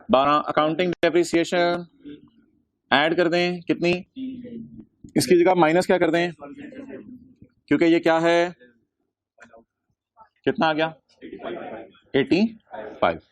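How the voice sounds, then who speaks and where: A male accounting lecturer, teaching a class by firing quick questions at the students and answering them himself. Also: a little high.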